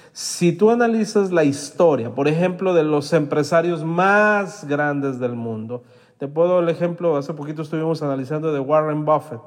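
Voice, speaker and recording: A man's voice: fairly high pitch, a little mellow, long reverb tail. A man giving a motivational self-help talk as a podcast host, coaching listeners and having them repeat phrases after him.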